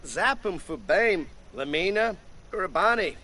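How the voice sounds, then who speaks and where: A man's voice: high-pitched, animated, sharp tone, slight background noise. A man on a live game stream, reading out strings of made-up silly names in a playful, giggly way. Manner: playful, giggly, drawn-out nonsense words.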